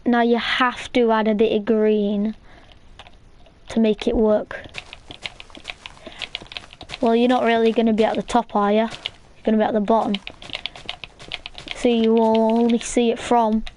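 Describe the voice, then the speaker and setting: A woman's voice: fairly high pitch, little pitch movement, unhurried, long pauses, a little mellow, a little hiss or hum. A woman hosting a casual gameplay tutorial, chatty and rambling, with plenty of fillers. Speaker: gaming channel host.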